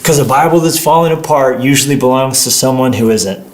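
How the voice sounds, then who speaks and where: A briskly speaking man with a mid-range voice co-hosts a livestream, chatting casually with his partner and telling stories in a playful, wandering way. It's recorded in an echoing, roomy indoor space.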